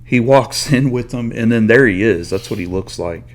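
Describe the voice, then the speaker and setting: A man's voice: medium pitch, moderate pace. A man hosting a casual comic book talk, rambling through a story retelling with lots of "like" and some swearing. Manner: rambling retelling full of "like" and paraphrased lines; swearing, laid-back slang. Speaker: comic book reviewer host. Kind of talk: casual chat.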